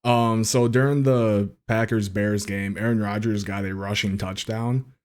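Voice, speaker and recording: A man's voice: lowish voice, a little slow. A man co-hosting a podcast, telling stories in casual chat and swearing freely. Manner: swears freely, animated storytelling. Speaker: podcast co-host.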